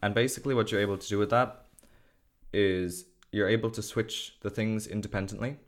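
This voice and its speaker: A teenage boy from Ireland, with an Irish accent, explains his schoolwork at length in a casual video chat, using plenty of fillers. His lowish voice is steady and brisk.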